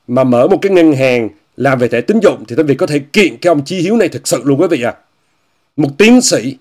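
A man delivers a casual commentary monologue in a somewhat high voice. He speaks straight to his viewers, repeats his phrases and mocks what he discusses. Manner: repetitive, often repeats phrases and says "quý vị" often; scornful, mocking tone. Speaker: commentator hosting an online talk show.

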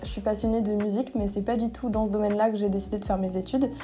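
A woman in her twenties speaking calmly about her studies to camera. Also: medium pitch, very fast, soft background music. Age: 20s. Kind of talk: casual testimony to camera.

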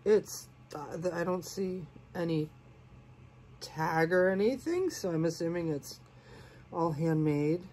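A woman with a cold, sounding congested and sniffly, gushing softly as she unboxes doll clothes and sometimes dropping to a whisper. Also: lowish voice, expressive, slow, a little hiss or hum. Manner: gushing, soft-spoken, sometimes drops to a whisper. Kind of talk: casual unboxing chat.

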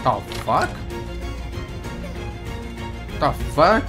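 A man's voice: on the high side, sing-song, slow pace. A young man commenting on a horror game, jokey and acting scared, using plenty of slang. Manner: jittery, jokey, feigning fright, slangy. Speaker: gaming YouTuber. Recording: game music behind.

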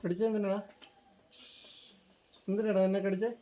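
A woman at home softly questioning a pet dog in a low, half-hushed tone. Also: level tone, moderate pace, very noisy. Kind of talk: casual talk to pet dogs at home.

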